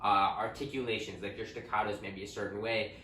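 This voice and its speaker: Bright young man teaching in a roomy echo. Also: lowish voice, fast, far from the mic, slight background noise. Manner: relaxed, conversational, with fillers. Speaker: co-host music teacher. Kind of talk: casual explanatory lesson. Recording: roomy echo, away from the mic.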